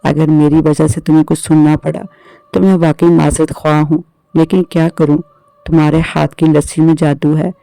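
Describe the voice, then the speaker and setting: A man voicing a gentle, teasing young male jinn suitor who speaks softly and reassuringly in a storybook tale. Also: a little high, flat delivery, moderate pace, creaky, dry recording. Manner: soft, playful, reassuring.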